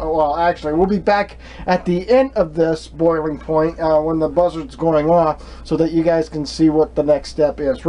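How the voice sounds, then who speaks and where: A man's voice: a little high, mellow, rough recording. Rambling man filming a home cooking video. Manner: rambling, many "uh" fillers and restarts. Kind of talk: casual cooking demonstration. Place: small home kitchen, indoors. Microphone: camera mic, filming himself at the stove.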